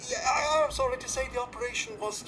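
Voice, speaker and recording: An actor playing a too smooth android surgeon in a video game, oily, overly polished and cheerfully macabre. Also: male voice, extremely high pitch, fairly even intonation, quick pace, bright, forceful tone, a little hiss or hum. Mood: mock-sorry. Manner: oily, overly polished and self-satisfied, with swooping exclamations. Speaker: vault doctor robot in a video game. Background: game music.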